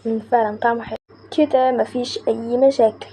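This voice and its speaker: A woman with an Egyptian accent telling a story in lively, conversational character voices. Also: fairly high pitch, fast talker, slight background noise. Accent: Egyptian Arabic.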